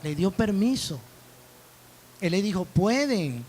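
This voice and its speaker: A man's voice: high-pitched, very animated, slow, darkish tone. A man preaching a sermon as pastor, telling stories and acting out dialogue. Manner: storytelling preacher, quoting dialogue.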